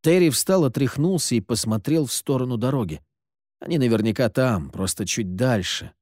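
A man reading a story aloud as its narrator, with expressive intonation. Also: medium pitch, moderate pace, dry recording, studio quality. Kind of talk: audiobook storytelling.

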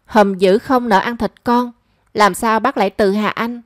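A woman's voice: mid-range voice, fairly even intonation, unhurried, dry recording, clean studio sound, natural voice. A woman voicing a stern older mother who coldly reproaches her runaway daughter. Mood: bitter, cold. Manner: cold, bitter and reproachful.

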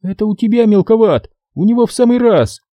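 A man voicing a frantic young woman in an audiobook, pleading shrilly and then barking orders with a sharp tongue. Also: high voice, sing-song, moderate pace, slightly rough, dry recording, dull audio, voice pushed up, full character voice. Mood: fierce.

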